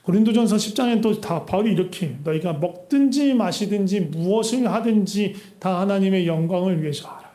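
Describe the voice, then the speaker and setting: High-voiced earnest preacher in an echoey hall. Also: male voice, a little fast, few pauses, dark tone. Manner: earnest preaching with rhetorical questions. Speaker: pastor. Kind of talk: sermon. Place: church sanctuary.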